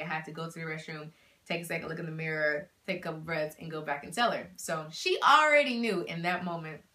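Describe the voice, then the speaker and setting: Young woman, vlogger, bright voice, slightly low pitch, echoey room, heartfelt storytelling. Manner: heartfelt, animated, swings between hushed and excited. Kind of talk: emotional personal storytelling.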